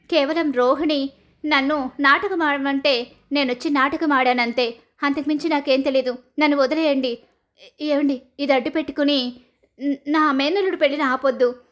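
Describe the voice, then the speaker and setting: A woman's voice: high-pitched, close to an everyday voice. A woman voicing a stammering, evasive middle-aged man. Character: nervous middle-aged man caught in a con.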